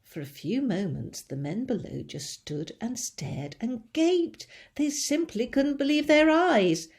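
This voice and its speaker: A woman teacher reading a children's book aloud with expressive storytelling. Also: fairly high pitch, slow, creaky, slightly rough.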